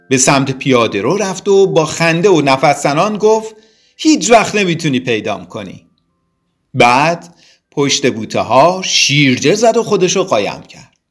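A man reading a children's story aloud in an expressive way with dramatic pauses. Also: on the high side.

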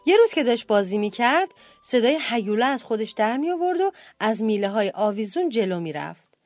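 Woman reading a bedtime story. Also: no echo. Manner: expressive reading, lifts pitch for children's shouts.

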